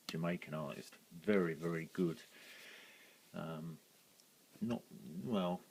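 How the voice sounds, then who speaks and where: Deep-voiced British man, rambling record talk. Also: darkish tone, husky, rough recording. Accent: British English. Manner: rambling, lots of ums and self-corrections. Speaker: record collector. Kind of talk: casual show-and-tell vlog.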